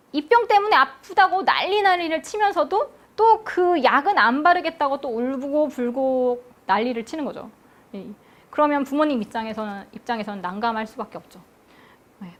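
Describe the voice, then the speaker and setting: A woman preaching an afternoon church sermon, putting questions to the congregation and answering them herself with a steady "yes.". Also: a little high.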